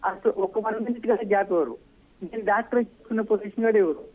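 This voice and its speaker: A man calling in by phone, distressed and halting, heard over a tinny phone line. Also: high voice. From Andhra Pradesh. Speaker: caller. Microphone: phone call.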